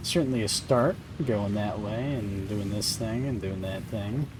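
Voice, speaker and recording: A man's voice: lowish voice, a little slow, noisy background. A man streaming a video game, talking casually to viewers and thinking aloud with fillers and playful asides.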